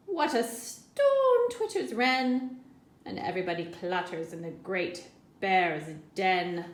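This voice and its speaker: Slow, sing-song woman reading a picture book. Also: medium pitch. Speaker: storyteller reading to children. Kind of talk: picture-book read-aloud. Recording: echoey room.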